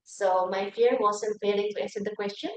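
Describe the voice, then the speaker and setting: At a speaking club, a middle-aged woman from Indonesia delivers a prepared comedic talk made of self-deprecating stories about her own life. Her mid-range voice moves at a normal speed with fairly even intonation, captured from far off in an echoey meeting room.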